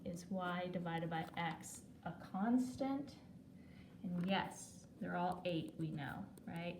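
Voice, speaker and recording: A woman teaching math in a recorded video lesson, talking at an unhurried pace and chatting as she works through problems, often correcting herself. She sits a little back from the mic. The room is echoey, with faint ambient noise behind her. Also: mid-range voice, a little mellow, recorded from a distance. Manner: chatty, talks while writing, self-corrects.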